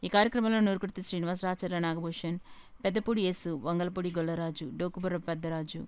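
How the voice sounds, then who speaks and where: A woman reading a local news report as a voice-over, in a quick, even newsreader delivery. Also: lowish voice, clear, resonant tone, dry recording. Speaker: news reader. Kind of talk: scripted news narration.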